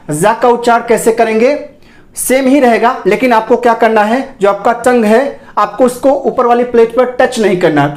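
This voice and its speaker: A man teaching a pronunciation class, asking himself questions and repeating each sound slowly for the learner. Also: high-pitched. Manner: explains slowly, asks rhetorical questions, repeats sounds for drill. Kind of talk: online class lesson.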